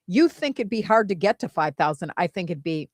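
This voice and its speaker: A woman's voice: lowish voice, animated, fairly quick, dry recording, clean studio sound. A woman in her fifties co-hosting a radio show in casual, blunt, argumentative chat. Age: 50s.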